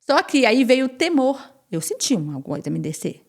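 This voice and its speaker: A woman guest on a podcast, telling her personal testimony in an animated way, repeating phrases and acting out what others said. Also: sits high, moderate pace. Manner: animated, repeats phrases and acts out quoted speech.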